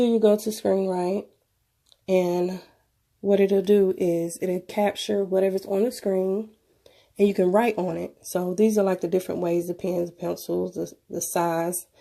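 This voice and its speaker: A woman's voice: mid-range voice, vocal fry, dark tone. A woman with a stuffy nose from a cold, presenting a casual tech review in an informal, conversational way. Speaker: video presenter.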